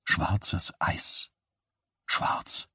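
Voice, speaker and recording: An eager little six-year-old boy on the ice, voiced by a man reading an audiobook. He calls out in a high, strained voice and later sinks into faint, breathy whispers. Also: extremely slow, bright, forceful tone, no echo, clean studio sound. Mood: dazed whisper.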